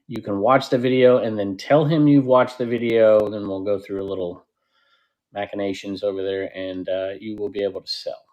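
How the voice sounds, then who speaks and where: A man's voice: lowish voice, normal speed, dull audio. Rambling man hosting a livestream. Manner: rambling, self-interrupting, excited bursts. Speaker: host of a live selling platform stream. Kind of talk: casual livestream talk.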